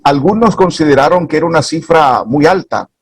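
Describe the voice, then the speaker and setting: Male reverend, TV guest, calm didactic delivery, dry close sound. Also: fairly high pitch, breathy edge, dry recording. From Nicaragua. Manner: measured, formal, didactic. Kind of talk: TV talk show analysis.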